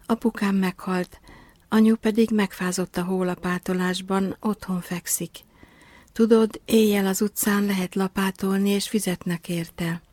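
A woman voicing a poor, shy small girl in a storybook reading, speaking quietly and slowly. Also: mid-range voice, steady tone, no echo, natural voice. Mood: sad. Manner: quiet, soft, slow.

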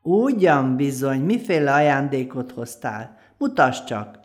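A woman's voice: very deep voice, very animated, darkish tone. A greedy palace guard from a folk tale, mocking and bargaining, as a woman storyteller puts him on. He talks down and drives a hard bargain. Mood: scornful. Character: greedy scheming gate guard, man.

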